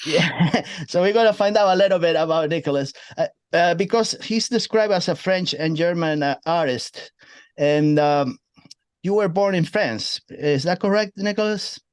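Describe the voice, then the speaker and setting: A man's voice: on the high side, normal speed, clear, resonant tone, no room sound. A man hosting an interview who asks long, meandering questions with many fillers. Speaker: interview host. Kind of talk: casual interview.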